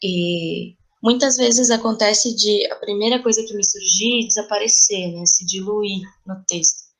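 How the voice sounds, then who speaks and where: A woman playwright, Brazilian Portuguese accent evident, gives considered, explanatory answers in a reflective interview, often reaching for words. Her voice sits in the mid range and moves at a measured pace, though the recording quality is low.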